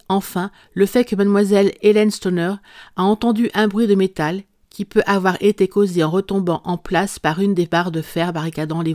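A composed, dryly amused detective explains his reasoning at an even, unhurried pace, as an audiobook reader voices him. The voice sits in the middle range and sounds close and dry. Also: medium pitch, no room sound, lightly acted. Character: calm, ironic male detective. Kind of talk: audiobook character reading.

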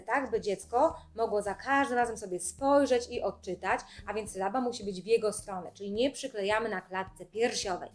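A young adult woman speech therapist calmly explaining classroom games in an instructional video, speaking clearly with short pauses. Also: fairly high pitch.

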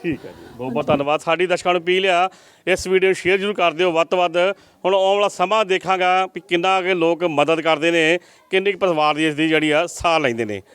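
Fast-talking earnest field reporter. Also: male voice, on the high side, a bit bright, smooth. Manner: earnest, pleading appeals to viewers.

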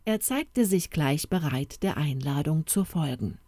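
A woman narrating a storybook audiobook in a soft, expressive, unhurried manner, recorded close to the mic. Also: deep voice, no echo.

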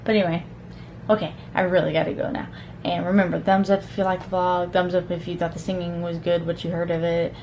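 A woman in her thirties vlogging at home at night, chatting fast and excitedly with frequent laughs. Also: fairly low pitch, a little hiss or hum. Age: 30s. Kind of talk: casual vlog chat.

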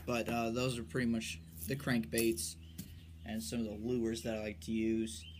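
Sitting on a covered wooden porch, a late-teens or early-twenties amateur fisherman talks through his tackle unscripted, in a monotone. His delivery is halting and low-key, fading off while he handles things. Recorded outdoors on a phone or camera held at arm's length, with noticeable background noise.

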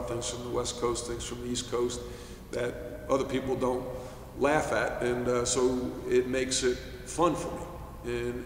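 Gravelly middle-aged coach in echoey room. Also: male voice, medium pitch. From New York. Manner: measured, many fillers and restarts. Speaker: head basketball coach. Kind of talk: postgame press conference answers. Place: press room, seated at table. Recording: echoey room, distant mic, faint hiss.

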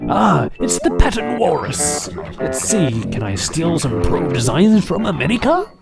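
Game music underscores a gravelly, medium-pitched voice that swoops wildly in pitch and moves a little slowly. It belongs to a video game commentator giving relaxed, playful play-by-play with exclamations and rambling digressions.

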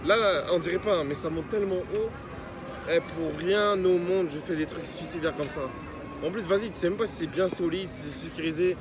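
A man's voice: fairly high pitch, a little fast, music in the background. A man, chatting casually in slang, exclaiming and repeating himself. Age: 20s. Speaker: vlogger. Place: outdoors at a busy funfair. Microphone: phone at arm's length. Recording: noisy outdoor fairground with crowd.

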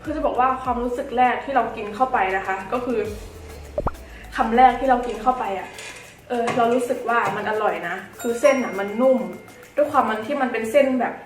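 A woman's voice: a little high, a little fast, over music. A woman hosting a food vlog, chatting casually and often checking in with her viewers. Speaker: host of a food challenge vlog. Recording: roomy echo.

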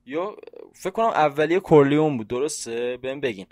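A man from Iran hosting a reaction video, talking excitedly to his viewers and guessing aloud. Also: fairly high pitch, vocal fry. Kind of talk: casual reaction commentary. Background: hip hop track playing.

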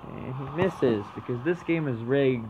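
Young male gaming YouTuber, excitable play-by-play, mid-pitched voice, phone-like mic. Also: measured pace. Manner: excitable, shouts "oh my god" at big plays. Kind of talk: excited gameplay commentary. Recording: tinny lo-fi mic with faint noise.

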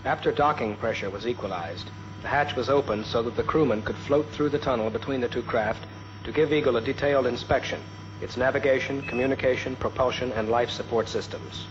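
A man reading scripted documentary narration in a solemn, measured, poetic manner. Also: medium pitch. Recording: dull archival film sound, noisy hum.

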